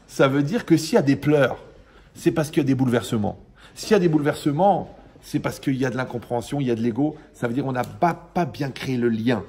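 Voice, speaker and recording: Male rabbi, informal religious lesson to a live room; gravelly tone, jokey, conversational teacher. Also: mid-range voice, brisk, a little mellow. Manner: joking, conversational, quizzes the audience.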